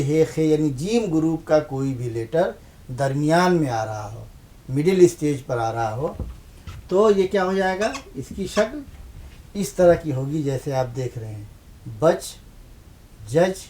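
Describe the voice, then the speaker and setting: Male teacher, slightly high voice, patient lesson delivery, repeats himself for emphasis. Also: warm tone. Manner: patient, asks questions then answers them himself; repeats key points for emphasis. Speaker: Urdu script teacher. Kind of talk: televised language lesson.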